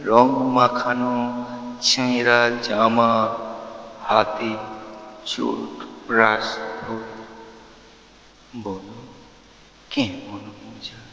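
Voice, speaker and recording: Slow-reciting man in an echoey room. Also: fairly low pitch, fairly bright tone, highs cut off. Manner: slow, measured recitation with a recurring refrain. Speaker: poet reciting his own poem. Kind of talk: Bengali poetry recitation. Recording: echoey room with long reverb and faint music.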